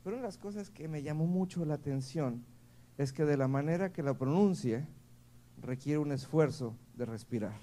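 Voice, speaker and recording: A man's voice: on the high side, moderate pace, warm tone. A man with a Mexican accent preaching a sermon at a church service, speaking conversationally and checking in with the congregation again and again. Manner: playful, laughs between points. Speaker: pastor.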